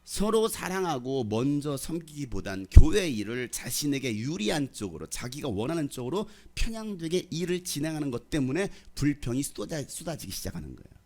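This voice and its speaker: A man's voice: on the high side, very animated, a little fast, few pauses, darkish tone. A middle-aged male pastor from the Jeolla region preaching a sermon, quizzing and teasing the congregation. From Jeolla, South Korea.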